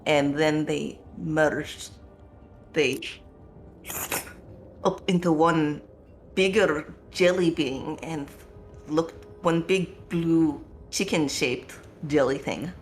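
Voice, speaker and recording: A player improvising tabletop role-play narration in a halting, rambling, self-correcting way. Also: medium pitch, soft background music.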